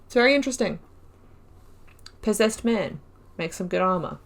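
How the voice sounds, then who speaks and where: A gaming channel host gives casual, chatty commentary over a playthrough, thinking aloud enthusiastically and reading in-game lore entries out loud. Her mid-range voice has lively intonation and vocal fry, at a moderate pace.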